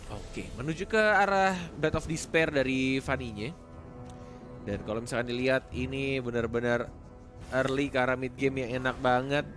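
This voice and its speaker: A man's voice: mid-range voice, fairly even intonation, moderate pace, fairly bright tone. A man giving conversational, analytical live game commentary as a match announcer. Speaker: esports shoutcaster, analyst. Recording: music behind the voice. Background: music.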